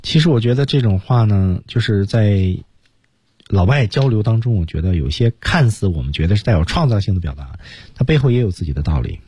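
A man co-hosting a radio English lesson, explaining pronunciation and reading example sentences aloud slowly. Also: on the low side, expressive, warm tone, husky, no room sound. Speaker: English teacher, radio co-host.

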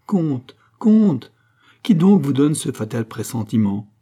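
A man's voice: mid-range voice, moderate pace, warm tone, lightly acted. A man reading aloud, voicing an imperious queen of an old novel in a somewhat raised voice. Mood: anxious. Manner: imperious, pleading then commanding. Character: proud imperious queen, a grown woman.

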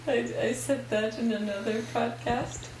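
High-voiced giggly woman in an echoey room. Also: a little mellow. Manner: giggly, self-deprecating, laughs often. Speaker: podcast guest. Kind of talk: casual podcast chat. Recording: echoey room, distant mic, noisy background.

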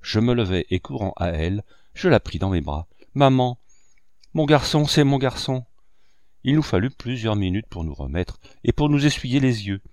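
A man reading a classic novel aloud with animated storytelling. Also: on the low side, a little fast, few pauses, dry recording, studio quality. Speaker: audiobook reader.

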